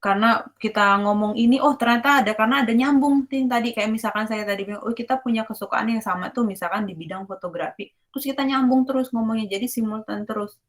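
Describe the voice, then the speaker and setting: A woman's voice: fairly high pitch, quick pace. Woman lecturing casually in an online class. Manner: explains casually, checks if students understand; mixes English terms into her speech. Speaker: university lecturer.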